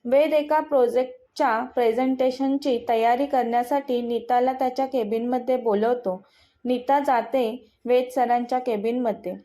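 A woman's voice: a little high, steady tone, normal speed, dark tone. A woman narrating a romantic story and reading every character in her own voice.

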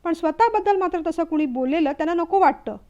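A woman's voice: extremely high pitch, lively intonation, fast, warm tone, lo-fi sound. Woman playing a defiant young wife. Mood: angry. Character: worn-down young wife, pushed to anger.

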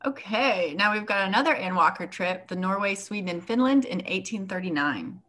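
A woman's voice: mid-range voice, expressive, normal speed, a bit bright. A woman moderating a panel informally, handing over to speakers.

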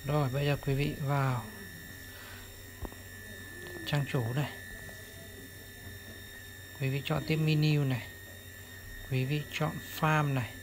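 A courteous host walks viewers through an app on screen, one step at a time, pointing at each button as it comes up. The voice sits at a middle pitch, and a clear, steady hiss runs under the recording. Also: takes it slowly, pauses often. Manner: polite, addresses viewers formally, ends steps with "này". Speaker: channel host. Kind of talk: step-by-step screen tutorial narration. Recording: clear steady background noise.

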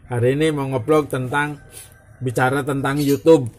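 A man's voice: mid-range voice, steady tone, moderate pace. A man with an Indonesian accent, vlogging casually and joking, mixing broken English into his talk. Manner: playful, switching into broken English, laughing at himself. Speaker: YouTuber.

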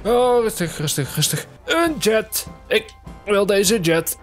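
A man's voice: high voice, slow pace. Een man met een Nederlands accent, een wat hoge stem en vluchtig, luidruchtig commentaar. Hij schreeuwt en vloekt tijdens het gamen. De opname wordt gedragen door duidelijk hoorbare gamemuziek. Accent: Dutch. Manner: excitable, swearing, yelps and jokes while playing. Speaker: gamer. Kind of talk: casual gameplay commentary. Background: game music.

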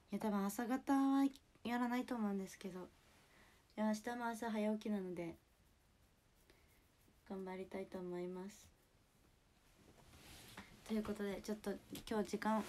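A young woman in her twenties from Toyama, talking casually on a livestream. Her voice is husky and lower than she wants it, and she is chatty and apologetic. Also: darkish tone. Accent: Toyama dialect. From Toyama, Japan. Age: 20s. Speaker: idol livestreamer.

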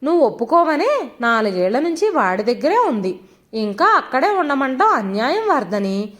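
A woman's voice: sits high, sing-song, normal speed. A woman doing a weary irritable husband. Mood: irritated. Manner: irritated, placating. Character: weary middle-aged husband, irritable but reasoning.

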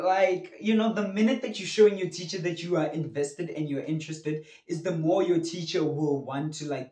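Chatty young man, echoey room. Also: fairly high pitch. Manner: chatty, animated, full of "right?" and "you feel me?". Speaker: student advice vlogger. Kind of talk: casual advice talk to camera.

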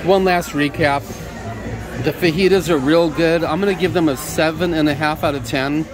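Reviewing his meal for a vlog in a crowded restaurant dining room, an upbeat, chatty man speaks at a moderate pace in a voice a little high for a man, offering simple praise. His handheld camera mic catches clear background music and the steady buzz of diners talking.

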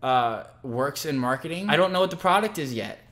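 A man's voice: on the high side, expressive, fairly quick. A man in his twenties reacting casually on camera, sweary, amused and full of hyperbole, speaking in a small room. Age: 20s. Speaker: reaction video host.

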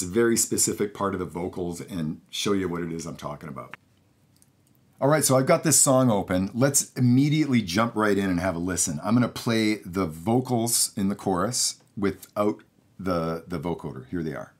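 In his forties, this mixing engineer gives a casual, enthusiastic studio tutorial to camera from his indoor home recording studio. His voice is low-pitched and husky, suited to his casual instructional talk.

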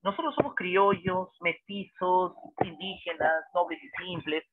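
A man, a history teacher giving a lively lecture full of dramatic storytelling and rhetorical questions, heard over a tinny phone-like line. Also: high-pitched, a little slow, noisy background. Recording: dry, tinny phone-like sound.

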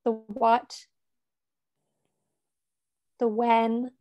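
A woman speaking as a panelist on a video call whose audio keeps dropping out, leaving her words halting and cut off. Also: fairly high pitch, level tone, no echo, dull audio. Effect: call dropping out, audio breaking up. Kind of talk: online panel presentation.

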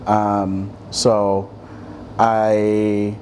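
Young man, low voice, halting answers. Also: completely flat delivery, darkish tone, a little hiss or hum. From Ethiopia, raised across Africa. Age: 20s. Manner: thoughtful, many ums and restarts. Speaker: guest artist. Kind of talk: relaxed interview answers. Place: dim studio with armchairs.

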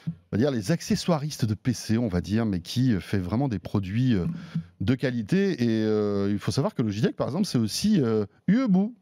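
A man hosting a casual tech talk show, playful and quick to interject with questions. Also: mid-range voice, sing-song, mellow, no room sound, studio quality. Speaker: host.

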